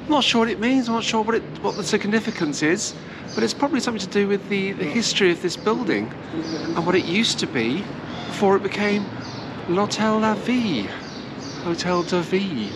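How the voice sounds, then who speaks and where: With street noise and traffic around her, a middle-aged woman vlogs a walking tour of sunny city squares and streets, camera held at arm's length. Her medium-pitched voice is expressive and brisk, and her chatty commentary wanders with frequent hesitations.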